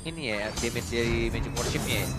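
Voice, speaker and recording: Loud music sits behind an Indonesian esports commentator with a mid-range voice. The caster gives live game play-by-play with a playful habit of repeating words. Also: medium pitch, quick pace.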